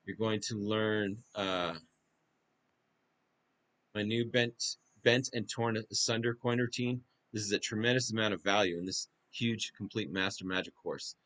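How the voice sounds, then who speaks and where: Low-voiced man pitching an instructional course. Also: steady tone, unhurried, a bit bright. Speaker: magic instructor presenting own course. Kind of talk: informal product pitch, reading through a list.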